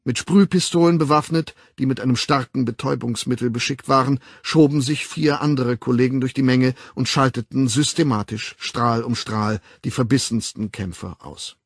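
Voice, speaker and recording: A man's voice: mid-range voice, normal speed, hardly any pauses, slightly rough, dry recording, clean studio sound. A man reading a novel aloud in a dramatic audiobook narration style. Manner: dramatic, shifts into character voices.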